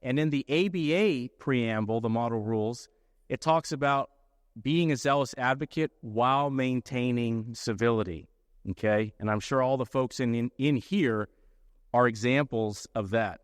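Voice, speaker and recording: A man's voice: medium pitch, normal speed, clear, resonant tone, no room sound. Man lecturing fellow lawyers, dry sound. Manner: explanatory, often checks in with "okay?". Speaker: lawyer giving a talk. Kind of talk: conference presentation.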